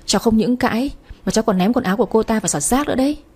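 A woman's voice: on the high side, very fast, husky. Woman as a hot-tempered defiant granddaughter. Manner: sharp, talking back.

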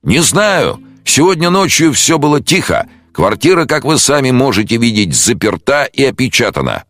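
A man's voice: medium pitch, sing-song, normal speed, fairly bright tone, dry recording, soft background music, pitched above the performer's own voice. A man doing a stiff, officious police sergeant.

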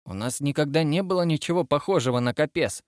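A man's voice: a little high, fast talker, no room sound, studio quality, lightly acted. A man voicing an evasive male ship radio operator in a raised, defensive voice.

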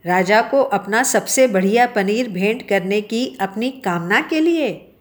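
A woman voicing a kind, gracious male king in a children's story, speaking gently and reassuringly. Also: mid-range voice, animated, a little slow, natural voice.

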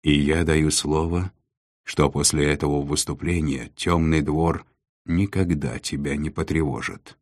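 A man voicing a calm, commanding male lord of darkness who speaks in a weighty, unhurried way. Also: a bass voice, no room sound, studio quality.

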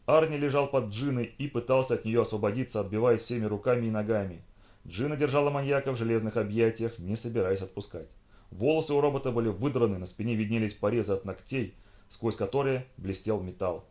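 A man narrating an audiobook in an even storytelling read. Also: mid-range voice, fast.

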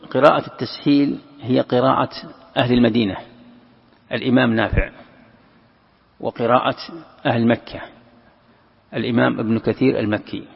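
A man teaching a Quran commentary lesson, explaining step by step, repeating key phrases and slowing down to recite verses. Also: medium pitch, creaky, slightly rough. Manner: explains step by step, repeats key phrases, asks and answers his own questions. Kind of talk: classroom commentary on a classical text. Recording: lo-fi recording in a long-reverb hall.

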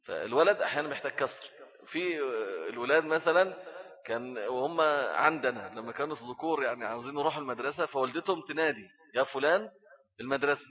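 A middle-aged man with an Egyptian Arabic accent giving a religious talk on raising children, animated and acting out little scenes as he speaks. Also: mid-range voice, fast. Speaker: Islamic preacher. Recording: dull lo-fi recording.

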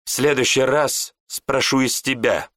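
A man's voice: mid-range voice, fairly even intonation, a little slow, fairly bright tone, dry recording, clean studio sound, pitched above the performer's own voice, close to an everyday voice. A man voicing a cruel, furious old male mage who shrieks and screams insults. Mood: raging.

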